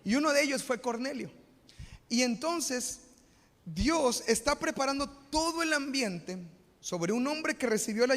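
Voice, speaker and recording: A Mexican pastor preaching live with a high, ringing voice. He often asks the congregation a question and then answers it himself. His voice echoes with the long reverb of a church hall. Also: fairly bright tone. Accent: Mexican Spanish. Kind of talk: live sermon. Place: church sanctuary.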